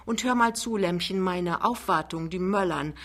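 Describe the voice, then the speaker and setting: A woman's voice: on the low side, normal speed, natural voice. A woman voicing a vain, boastful older mother with a triumphant, theatrical manner in an audiobook reading.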